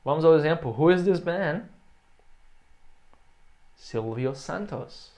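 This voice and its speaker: A Brazilian man teaching English comparatives, switching between explanations and slow, careful example phrases for his students to repeat. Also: on the high side, lively intonation, darkish tone. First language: Portuguese. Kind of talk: online language lesson.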